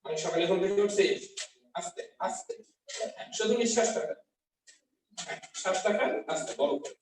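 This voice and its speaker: A man playing a young man who tends a friend in distress. He sounds urgent at first, then talks calmly, coaching the friend to breathe slowly. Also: high voice, natural voice. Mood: soothing. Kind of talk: amateur short-film acting. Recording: very echoey room, voice far from mic, faint noise.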